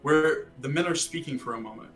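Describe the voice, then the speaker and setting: A man voicing a smooth, manipulative middle-aged father who talks in a formal, coaxing and dismissive way. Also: fairly high pitch, brisk, over loud music, close to an everyday voice.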